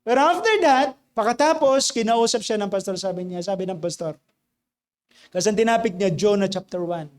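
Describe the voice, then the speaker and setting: A male pastor preaching a sermon. He switches between Tagalog and English mid-sentence and swings from loud exhortation to hushed storytelling. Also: high-pitched, animated, a little fast.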